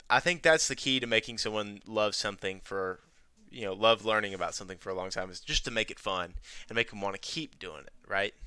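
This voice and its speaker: This man's voice sits on the low side, sharp and clean, with no room sound, as he informally walks viewers through a screen demonstration in an educational video about teaching ESL. "You know" comes up often in his talk.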